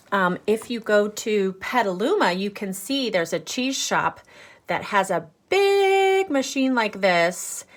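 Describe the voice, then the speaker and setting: Reading a picture book aloud to children the way a teacher would, a woman with a medium-pitched voice is expressive and deliberate. She pauses now and then to explain things through simple asides and questions.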